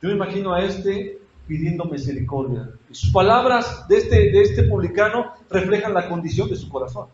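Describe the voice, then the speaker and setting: A man's voice: high-pitched, a little fast, a little mellow, slight background noise. A man preaching a sermon in a church, asking his congregation questions and acting out prayers with feeling. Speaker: pastor. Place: church hall. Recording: echoey church hall, dull lo-fi sound.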